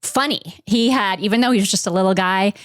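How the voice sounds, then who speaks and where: A middle-aged woman, a podcast guest, reflectively telling a personal story with many pauses and fillers. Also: mid-range voice, no room sound, studio quality.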